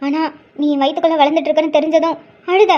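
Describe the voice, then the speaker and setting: A woman's voice: high voice, fairly even intonation, very fast, muffled recording, natural voice. A woman voicing a hurt young mother who speaks emotionally and tearfully but stands firm. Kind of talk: cartoon drama voice acting.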